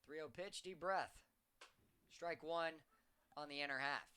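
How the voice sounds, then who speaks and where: A man calling baseball play-by-play as the team's announcer, keeping a steady call that lifts in energy on hits. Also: fairly high pitch, measured pace, smooth.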